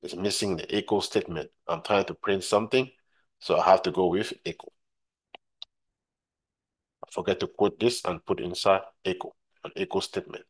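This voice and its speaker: A man with a low, deep voice narrates a screen-recorded software lesson over a desktop mic. He talks the viewer through each step, says things twice and checks in with a steady "right?" as he goes. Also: moderate pace, pauses often. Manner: repeats points, frequent "right?" checks. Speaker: tutorial instructor.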